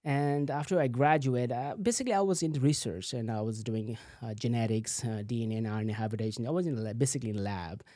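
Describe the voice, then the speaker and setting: A man's voice: mid-range voice, fast, hardly any pauses, warm tone, dry recording, clean studio sound. A man, a physical therapist telling his story as a guest, full of "you know" fillers. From Nepal. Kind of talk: casual interview answers.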